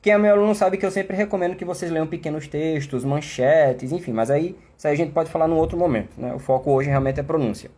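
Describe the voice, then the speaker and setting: Brazilian man, English teacher on a live stream, slightly high voice, conversational, explains with lots of asides. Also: fast, hardly any pauses, darkish tone. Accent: Brazilian Portuguese. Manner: chatty, explanatory, many tag questions. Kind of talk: live online class.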